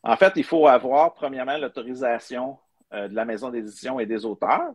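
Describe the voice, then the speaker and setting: This middle-aged guest with a Quebec French accent talks briskly in a mid-range voice, informally explaining his work making digital book bookmarks. He's indoors on a live video-call interview, heard through a webcam in a dry recording.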